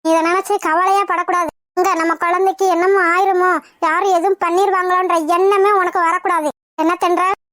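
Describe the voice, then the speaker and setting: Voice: extremely high pitch, level tone, fairly quick, sharp tone, no room sound. A voice actor playing a fierce, protective middle-aged mother-in-law in a cartoon, commanding and scolding. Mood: soothing. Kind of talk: cartoon voice acting.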